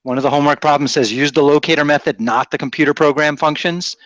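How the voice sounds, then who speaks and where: A man's voice: fairly high pitch, steady tone, fast talker, fairly bright tone, no room sound, dull audio. A man from Rhode Island with a faint accent, teaching a math class in a chatty, teasing way and thinking aloud. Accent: faint Rhode Island, mostly softened. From Rhode Island, USA. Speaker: math instructor. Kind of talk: classroom lecture.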